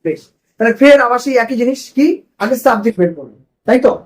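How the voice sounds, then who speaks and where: A man's voice: extremely high pitch, animated, fast talker, rough recording. Man teaching, quizzing his class. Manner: quizzing students with repeated questions. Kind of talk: classroom grammar lesson.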